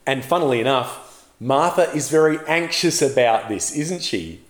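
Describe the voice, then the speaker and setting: A man preaching a sermon as a pastor, telling the story in a lively way and putting questions to the congregation. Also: mid-range voice, normal speed, echoey room.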